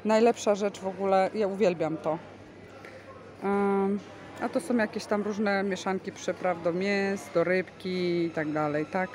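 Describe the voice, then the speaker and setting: Her voice sits mid-range with a darkish tone, fairly even intonation and a slightly slow pace, with soft music in the background. She's a vlog host filming on a handheld phone from behind the camera, enthusiastically chatting about goods in a large covered market hall full of bustling crowd noise.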